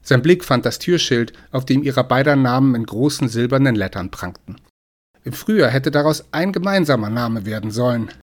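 This is scripted audiobook narration by a man with a mid-range voice. He reads in a measured yet expressive way.

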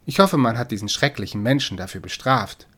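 A man voicing gentle, unyielding Death as a bird. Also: medium pitch, lively intonation, a little fast. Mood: firm. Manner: soft, kind but unyielding.

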